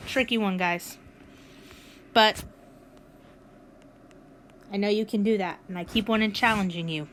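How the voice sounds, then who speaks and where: A woman's voice: fairly high pitch, slight background noise. A woman teacher recording a math lesson for her students, upbeat and encouraging as she walks them through each step. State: has the hiccups. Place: at home with her dog nearby.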